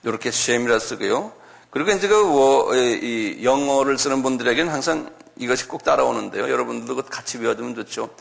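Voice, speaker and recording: A middle-aged man teaching a slow, step-by-step classroom Bible lecture, often asking the class to repeat words aloud. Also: mid-range voice, animated, creaky, fairly bright tone. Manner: chuckles, talks directly to students.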